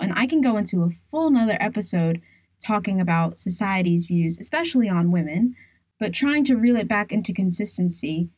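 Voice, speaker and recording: Bright-leaning woman podcaster, dry and close. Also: lowish voice, dry recording, low-quality recording. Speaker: podcast host. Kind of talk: scripted solo podcast talk. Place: soundproof studio.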